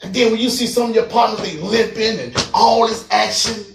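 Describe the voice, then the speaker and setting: A man preaching to a group of parolees, animated, laughing and acting out voices as he goes. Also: high-pitched, normal speed, gravelly, over music. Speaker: prison minister. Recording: echoey room, mic far off.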